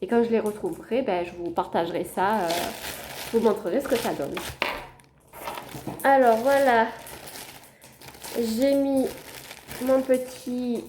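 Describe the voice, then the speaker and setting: Chatty woman with a higher voice. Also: steady tone, a little slow, pauses often, a little mellow, a little hiss or hum. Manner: chatty, shows her plants to viewers. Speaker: gardening vlogger. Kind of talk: casual home vlog. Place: at home by a window.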